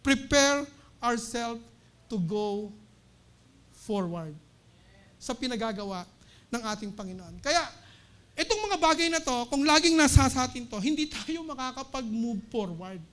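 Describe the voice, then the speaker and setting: A woman with a Filipino accent delivers a church sermon in a high, bright register. She mixes Tagalog and English freely, caps her phrases with a questioning "no?", and slows down to press each word when she reads out a Bible verse. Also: expressive. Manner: Taglish, frequent tag "no?" after phrases. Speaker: preacher. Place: church service.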